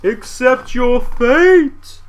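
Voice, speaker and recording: Slow, sinister old Santa. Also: male voice, very high-pitched, lively intonation, voice pushed up. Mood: cold triumph. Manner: slow, drawn-out, theatrical menace. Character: sinister, mocking old Santa Claus villain.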